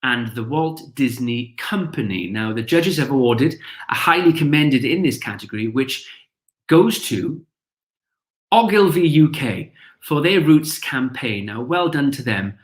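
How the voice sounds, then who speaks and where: A man's voice: medium pitch, lively intonation, unhurried, roomy sound. A man with a Welsh accent hosting an awards ceremony, reading out shortlists and winners with upbeat emphasis. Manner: upbeat, announcing names with emphasis. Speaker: awards host.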